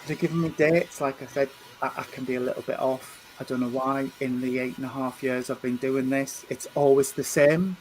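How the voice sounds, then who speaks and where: A man, working as a medium and giving a spirit reading at a church service. He speaks gently and reassuringly, often stumbling over and repeating his words. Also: mid-range voice, steady tone, normal speed, hardly any pauses, a little hiss or hum, rough recording. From England. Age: 50s. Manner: hesitant, repeats and restarts words.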